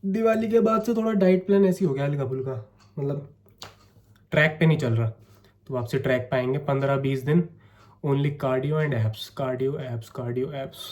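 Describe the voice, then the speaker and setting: A man's voice: mid-range voice, a little mellow. A young man with a sore, coughing throat, chatting to camera in a casual vlog and coaxing his viewers. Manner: chatty, coaxing, keeps saying "theek hai". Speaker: vlogger.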